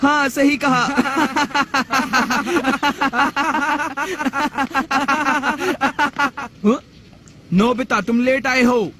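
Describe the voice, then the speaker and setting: A man's voice: very high-pitched, measured pace, a bit bright, slight background noise. A boastful cartoon bully boy. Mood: mocking. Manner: mocking and bossy. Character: boy bullies, boastful and rough. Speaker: dubbed cartoon character.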